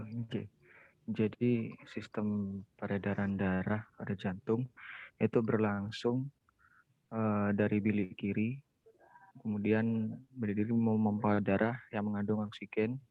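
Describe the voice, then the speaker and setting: A young man, a student, quietly explaining an answer in an online class over a video call. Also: on the low side, measured pace, pauses often, no room sound. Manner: quiet, flat, steady explaining. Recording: dry, tinny phone-like call audio.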